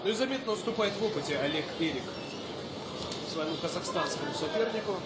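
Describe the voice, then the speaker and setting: A man's voice: on the high side, expressive, fast talker, very noisy. A man giving sports commentary on a fight in wordy, hesitant phrases. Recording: echoey, loud music behind.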